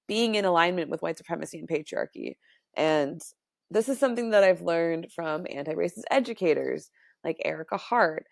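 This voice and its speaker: Gravelly-voiced woman telling a sarcastic story. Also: fairly low pitch, no room sound, clean studio sound. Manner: sarcastic, animated retelling with mock voices; frequent fillers and laughs. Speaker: podcast host. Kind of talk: casual storytelling monologue.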